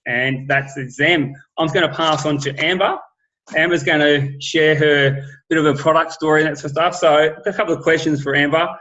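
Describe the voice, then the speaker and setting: A man presenting products in an upbeat sales pitch over a video call, with lots of ums and restarts. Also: steady tone, moderate pace, bright, forceful tone, dull audio.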